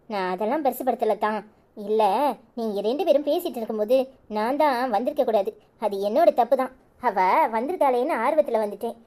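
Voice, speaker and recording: A woman with a Kanyakumari Tamil accent voicing a gentle, soft-spoken young woman in a cartoon. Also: fairly high pitch, natural voice. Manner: soft, quiet, apologetic. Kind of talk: cartoon voice acting.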